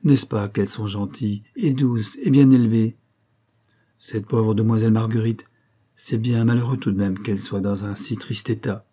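A gossipy, gullible woman concierge, voiced by a man reading a novel. She chatters effusively in a low, husky voice with a dark tone. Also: steady tone, normal speed.

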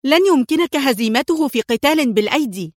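A woman's voice: animated, a little fast, no room sound, clean studio sound. Woman doing a fierce scheming accomplice. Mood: angry. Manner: shrill, angry.

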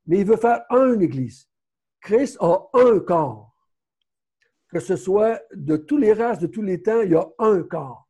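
A man with a Québécois French accent teaches a Bible study conversationally, often stopping to correct himself. His voice is high, mellow, and husky, with lively intonation and a slow pace.

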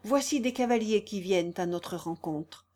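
A woman's voice: mid-range voice, moderate pace, darkish tone, natural voice. A woman reading the part of a young woman singer who speaks frankly and kindly. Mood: warning. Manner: frank and kind.

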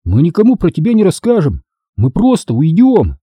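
A man's voice: fairly high pitch, wildly swooping pitch, moderate pace, dark tone, slightly rough, no echo, voice pushed up, exaggerated voice. A man voicing a frightened, pleading boy in an audiobook. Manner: raised, pleading, anxious. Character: frightened boy, the first-person hero. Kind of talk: audiobook character reading.

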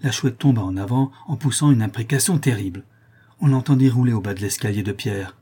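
A man narrating a classic novel as an audiobook in a steady, measured reading. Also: mid-range voice, husky.

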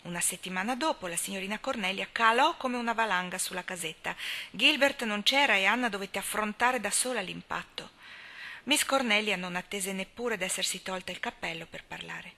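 A woman reading a novel aloud with clear, measured storytelling. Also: mid-range voice, bright, forceful tone. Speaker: audiobook reader. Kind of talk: scripted narration.

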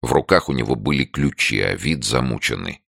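A man with a very deep, gravelly voice reads a novel aloud. His delivery swings with lively, expressive intonation. The sound is dry and close to the mic. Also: fairly quick, no room sound. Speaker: audiobook narrator. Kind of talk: scripted narration.

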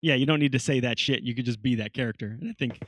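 A man's voice: medium pitch, very fast, fairly bright tone, no room sound, studio quality. Swearing, chatty man reviewing a show. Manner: swears a lot, loose and chatty. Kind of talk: casual chat reviewing a TV show.

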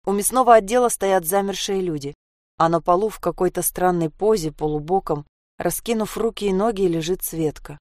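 A woman's voice: on the low side, brisk, a little mellow, dry recording, clean studio sound. A woman narrating a story expressively and voicing the characters. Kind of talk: storybook reading.

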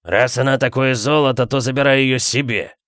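A man voicing a rude, bad-tempered husband who talks gruffly and barks his words. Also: medium pitch, steady tone, moderate pace, fairly bright tone, dry recording, studio quality, pitched above the performer's own voice, natural voice. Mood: rude, angry. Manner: gruff, barking.

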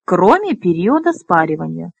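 A woman's voice: lowish voice, very animated, moderate pace, vocal fry, husky, no room sound, voice pushed down, heavily acted. A woman voicing a drowsy, fretful older male dragonrider who mumbles hesitantly, in a fantasy audiobook. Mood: mumbling.

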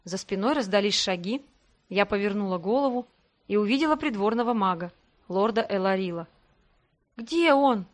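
Woman reading a fantasy audiobook, expressive, bit of dry irony. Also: medium pitch, fairly quick. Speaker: audiobook narrator. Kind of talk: first-person fantasy audiobook narration.

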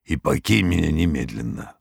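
A man's voice: rumbling low, expressive, moderate pace, vocal fry, slightly rough, no echo, full character voice. A man reading an audiobook, voicing a cold, commanding male devil who speaks curtly and mockingly. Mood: sardonic. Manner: curt, dry, mocking. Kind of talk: audiobook character voice.

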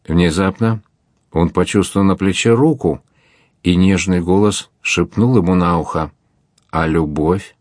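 A man reads an adventure novel aloud in a measured, dramatic way. His voice is very deep, and the recording is dry and close with no room sound. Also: darkish tone, no room sound. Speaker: audiobook narrator. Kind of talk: scripted narration.

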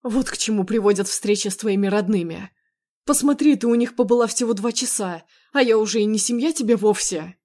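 A possessive, hot-tempered young man, loud and insistent, read by a woman in an audiobook. He pleads and shouts with heavy emotion in a medium-pitched voice. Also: normal speed, close to an everyday voice. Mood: angry pleading. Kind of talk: audiobook dialogue reading.

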